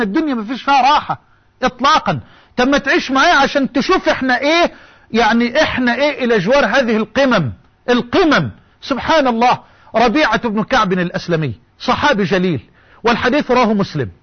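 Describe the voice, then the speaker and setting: Man, Egyptian accent, fast-paced fervent sermon, rhetorical, muffled lo-fi recording. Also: very high voice, expressive. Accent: Egyptian Arabic. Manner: impassioned, rhetorical, mixing classical and colloquial speech. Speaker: preacher.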